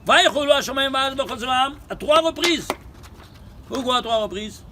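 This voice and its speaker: Rabbi teaching torah, high bright voice, animated, keeps asking questions, faint noise behind. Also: male voice, moderate pace. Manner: animated, questioning, repeats phrases. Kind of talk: Torah lesson with gematria.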